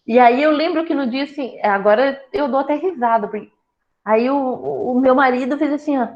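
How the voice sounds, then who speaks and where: A woman telling her own cancer story in a casual talk, lively and joking as she acts out what people said. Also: high-pitched, a little fast. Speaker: breast cancer patient sharing her story. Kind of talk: casual conversation. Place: small town in Brazil. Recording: dull lo-fi sound.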